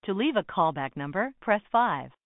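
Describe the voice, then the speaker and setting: A woman's automated voicemail prompt voice, reading even, instructional menu options over a landline phone. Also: medium pitch, normal speed, dry recording. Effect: heard over a landline phone. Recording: dry tinny landline phone line.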